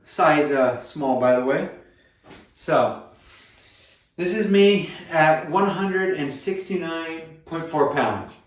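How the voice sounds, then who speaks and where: A man's voice: a little high, animated, slow, distant mic. A man in his late twenties talking casually and earnestly in a vlog, upbeat and self-encouraging, with fillers and restarts. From USA. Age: 20s. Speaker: vlogger. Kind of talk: casual weight-loss vlog. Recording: echoey room, voice off-mic at times.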